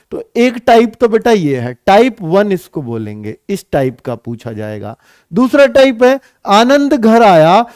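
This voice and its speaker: A male Hindi teacher giving an exam-prep lesson, explaining slowly and repeating phrases as he addresses his students. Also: sits high, a little mellow, clear, resonant tone, no echo, clean studio sound.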